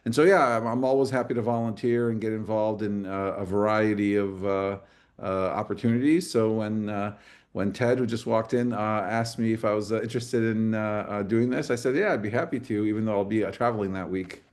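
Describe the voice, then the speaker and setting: A man's voice: on the low side, fairly even intonation, a little fast, a little mellow. A middle-aged man from Michigan giving a casual talk in a college classroom, with many "uh"s and restarts. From Michigan, USA. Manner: hesitant, many fillers and restarts. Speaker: guest speaker, engineering director. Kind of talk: fireside chat talk.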